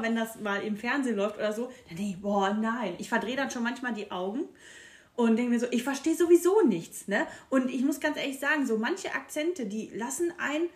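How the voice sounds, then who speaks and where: A chatty woman with a Ruhr German accent, talking at a slightly high pitch. She co-hosts a relaxed evening podcast chat, with plenty of fillers and easy laughter. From Ruhr area, Germany. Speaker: podcast co-host.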